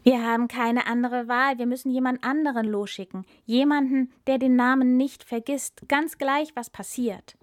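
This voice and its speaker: A woman voicing a hungry crowd of animals in a storybook reading, calling out high and loud. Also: fairly even intonation, moderate pace, few pauses, dry recording, clean studio sound, lightly acted. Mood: urgent. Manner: pleading, loud and drawn out.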